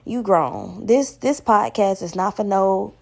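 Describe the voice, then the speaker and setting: A woman's voice: medium pitch, slow pace, creaky, a little mellow. A young woman hosting a solo podcast, giving blunt, profane advice in casual talk. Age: young adult. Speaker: podcast host.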